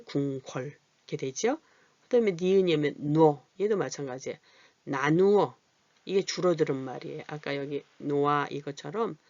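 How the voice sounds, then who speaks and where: An adult literacy teacher explaining vowels patiently, asking rhetorical questions and reading example words slowly. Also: mid-range voice, gravelly, a little mellow, dry recording, dull audio. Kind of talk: Korean vowel lesson.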